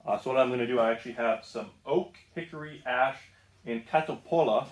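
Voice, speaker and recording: A man's voice: mid-range voice, fast, reverberant. A man from the northeast United States casually reviewing a bandsaw in his home woodworking shop, easygoing, with lots of ums and self-corrections. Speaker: tool reviewer.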